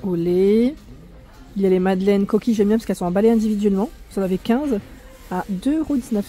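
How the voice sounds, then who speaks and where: A woman's voice: mid-range voice, quick pace, warm tone. A woman filming a shopping vlog in a food discount store, chatting as she reads out prices and weights and correcting herself along the way. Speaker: vlogger showing store prices. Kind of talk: walk-through shopping vlog.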